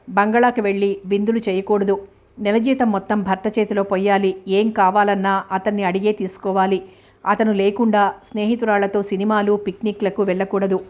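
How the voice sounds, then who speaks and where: A woman's voice: medium pitch, a little mellow, lightly acted. A woman reading as a domineering male engineer. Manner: lecturing, boastful. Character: arrogant, domineering young male engineer suitor.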